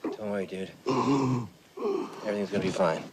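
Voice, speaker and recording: An actor playing a soft reassuring young man. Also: low-pitched, steady tone, a little fast, heavy background noise, natural voice. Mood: soothing.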